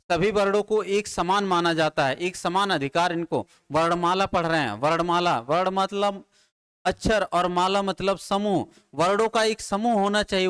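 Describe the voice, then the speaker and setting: Guy teaching grammar, asks then answers himself, kinda high clear voice. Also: fairly bright tone. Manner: repeats key terms as questions and answers them himself; addresses students familiarly, drilling terms. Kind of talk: classroom lecture at a board. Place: classroom with a board.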